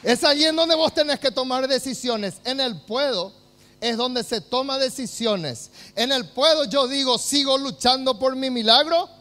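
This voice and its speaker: A man with a Paraguayan Spanish accent, preaching a sermon as pastor, swinging from hushed lines to loud, emphatic calls. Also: very high voice, a little slow.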